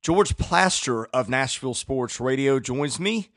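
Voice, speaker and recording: A man's voice: medium pitch, expressive, unhurried, fairly bright tone, no echo. Male sports podcast host, dry sound.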